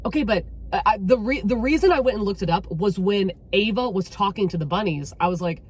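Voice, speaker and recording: A woman chatting casually about a novel she read, animated and swearing freely as she acts out her own reactions. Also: mid-range voice, brisk, breathy edge. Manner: animated, swearing, quotes herself dramatically. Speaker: book vlogger. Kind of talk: casual book chat.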